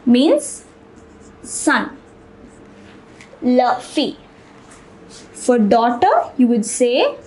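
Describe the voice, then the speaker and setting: A woman with a high, bright-pitched voice gives an unhurried language lesson. She speaks slowly and deliberately, repeating each word several times like a patient classroom teacher. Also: low-quality recording. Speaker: French teacher.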